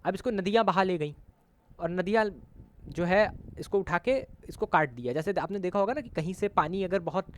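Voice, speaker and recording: A man's voice: high-pitched, brisk. A man teaching a school geography lesson over diagrams, explaining patiently, mixing Hindi and English terms, checking in constantly and correcting himself mid-sentence. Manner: repeats "ठीक है" often as a check-in.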